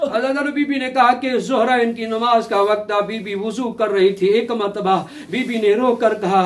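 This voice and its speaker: A man's voice: high voice, fairly even intonation, normal speed. A male cleric giving a mourning sermon, half-chanted, with a tearful, rising lament. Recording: distant mic with crowd noise.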